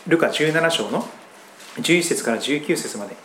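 A man from Japan, a pastor preaching a sermon in a conversational style with strong emphasis. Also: normal speed. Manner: conversational preaching with lively, pitch-swinging emphasis. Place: church sanctuary. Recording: roomy church hall echo, faint background hum.

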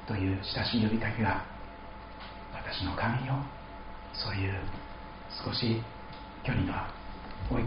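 A man's voice: on the low side, echoey room, muffled recording, noisy background. A man preaching a sermon as pastor, reading scripture and acting out quoted speech with feeling. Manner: dramatic voicing of quoted speech. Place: church hall.

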